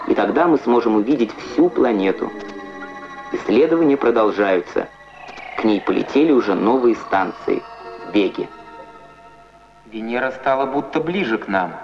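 A man reading scripted educational science newsreel narration in a measured, declamatory way with precise diction. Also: lowish voice. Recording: muffled vintage Soviet film soundtrack.

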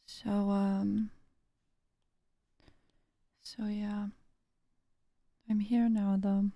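A young woman chats with her stream while she draws, sounding tired and drained. Her slow, soft delivery trails off into small laughs, and her voice sits low and mellow with a husky fry. The sound is dry and close, with no room around it. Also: level tone, no echo, dull audio. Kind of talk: casual chat while drawing on stream.

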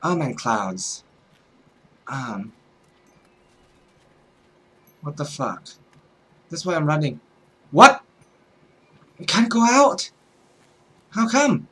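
A man's voice: on the high side, big pitch swings, extremely slow, pauses often, fairly bright tone, breathy edge. A young man giving let's-play commentary, full of startled exclamations and swearing. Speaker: gaming YouTuber.

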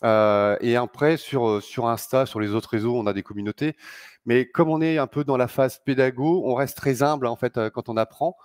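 A middle-aged man talks at an indoor conference with enthusiasm, gesturing and filling pauses as he goes. The sound is dry and close, with hardly any echo. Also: medium pitch, a little mellow, clear, resonant tone. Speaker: founder of a sailing channel. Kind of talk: conference talk. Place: large sailing showroom, indoors.

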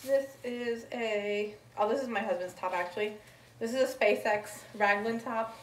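A woman's voice: a little high, moderate pace, a little hiss or hum. Chatty woman, roomy distant recording. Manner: chatty, rambling item-by-item descriptions. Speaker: thrift reseller vlogger. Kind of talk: casual haul vlog. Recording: roomy, distant mic, faint ambience.

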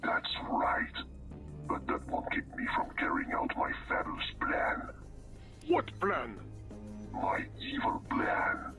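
A man voicing Mister Glitch, a male villain program who talks in a hushed, scheming whisper over the phone. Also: high-pitched, wildly swooping pitch, takes it slowly, distant mic, music in the background, pitched above the performer's own voice, exaggerated voice.

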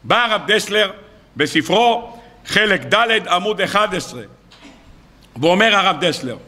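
A man, a rabbi, giving a sermon full of stories and acting out the dialogue with lively voices. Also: high-pitched. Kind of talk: sermon with storytelling.

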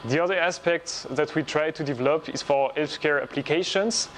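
A man in his thirties, a research group leader, explaining his work in a measured way with frequent pauses, filmed in a laboratory. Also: fairly high pitch, slight background noise. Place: laboratory indoors.

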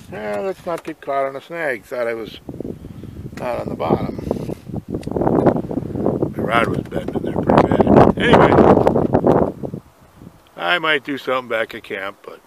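A man's voice: medium pitch, gravelly. Older guy vlogging from his boat, chatty and folksy, windy noisy camera sound. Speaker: vlogger on a fishing trip. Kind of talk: casual outdoor vlog. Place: outdoors on a boat on a lake. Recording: noisy outdoor camera audio, wind and water.

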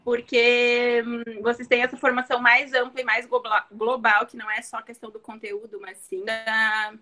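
A woman's voice: a little high, little pitch movement, normal speed, bright, forceful tone. A woman teacher giving earnest, encouraging advice to students in a panel talk, with hesitant restarts.

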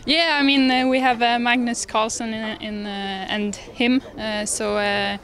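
A young Norwegian ski jumper, a woman with a Norwegian accent, answers interview questions in a casual, hesitant, good-humoured way. Her voice is fairly high and a bit bright, with a flat delivery and slightly slow pace. She's speaking into a handheld reporter microphone in a large indoor lobby.

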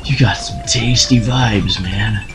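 A man's voice: lowish voice, slow pace. A man voicing a spacey, laid-back male stoner bomb creature in a video game, drawling slangy lines and tossing in made-up explosion noises, with game music playing behind.

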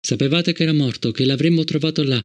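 A man reading an audiobook, voicing a cold, relentless male guard robot with a flat, formal manner. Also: fairly high pitch, fast talker, natural voice. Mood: stern. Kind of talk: audiobook character voice.

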